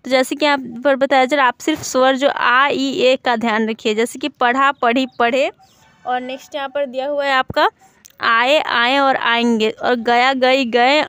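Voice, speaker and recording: High, smooth-voiced woman teaching Hindi spelling. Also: flat delivery, moderate pace, a bit bright, no room sound. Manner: explains step by step, listing word examples with many fillers. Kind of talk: online exam-prep lesson.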